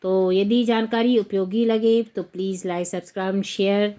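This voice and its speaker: A woman's voice: mid-range voice, fairly even intonation, warm tone. A woman teacher walking through a school textbook lesson, breaking words into separate syllables as she explains. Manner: slow, spelling words out syllable by syllable.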